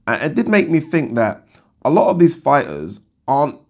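A man in his thirties with a croaky, just-woken voice, giving casual commentary to camera in a conversational way. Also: on the high side, sing-song, moderate pace, a little mellow. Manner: conversational, rhetorical questions with 'right?' tags. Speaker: boxing talk show host. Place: indoors, small furnished room.

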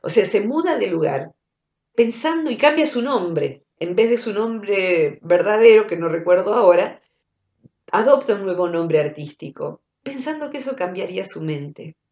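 Argentine lady talking slow and reflective, goes soft and murmury, bit of a muffled recording. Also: medium pitch, lively intonation, echoey room. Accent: Argentine Spanish. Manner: thoughtful, intimate, drops to soft murmurs. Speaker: speaker giving a recorded talk, former psychotherapist. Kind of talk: reflective spoken talk. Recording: dull lo-fi audio.

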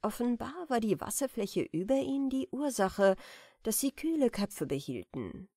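Woman reading a fairy tale for bedtime, lively melody, dry close sound. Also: a little high, moderate pace, no echo. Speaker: audiobook reader.

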